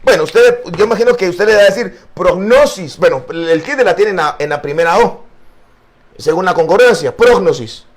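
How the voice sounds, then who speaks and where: A man's voice: sits high, expressive, a little fast. A male pastor teaching a Bible study, earnest and explanatory, with frequent fillers and repeated words. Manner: addresses listeners as brother.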